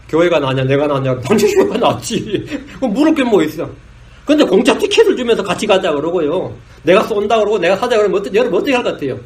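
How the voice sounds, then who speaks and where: A man who is a pastor, preaching a blunt, scolding sermon, acting out little dialogues with coarse slang and laughter. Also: high voice.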